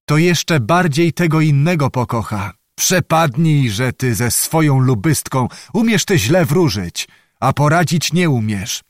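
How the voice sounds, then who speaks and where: A rough, scornful old witch from a storybook, put on by a male narrator, scheming in a harsh, raised voice. Her words come hard and mocking, set against a dry, close sound. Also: on the high side, expressive, unhurried, no room sound. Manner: harsh, mocking, laughs like a neighing mare. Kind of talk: audiobook character voice.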